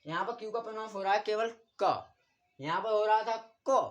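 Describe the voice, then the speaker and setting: Guy from india running an online english class, spells letters out slow, says each sound over and over like a drill. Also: sits high, dull audio. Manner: steady classroom explaining, spells out letters slowly; repeats and drills sounds, keeps pointing to the board. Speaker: English teacher.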